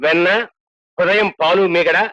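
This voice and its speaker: A man's voice: high-pitched, steady tone, normal speed, fairly bright tone. An actor playing a strict, stern jail superintendent who lectures his constable with authority, in a film drama with a dull, lo-fi soundtrack. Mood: dry, stern.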